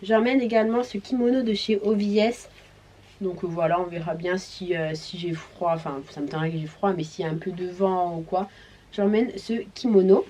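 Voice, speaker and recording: Woman vlogger with swollen-tonsil croaky voice. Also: lowish voice, steady tone, fairly quick, mellow, slight background noise. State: sick with tonsillitis, swollen-throat hoarse voice. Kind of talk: casual vlog chat to camera.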